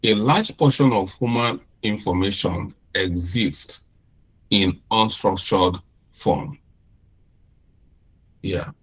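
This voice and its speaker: The audio is poor as a man with a fairly low, breathy voice and a Nigerian accent delivers an informal lecture to a class. He takes his time, often restarting and repeating phrases.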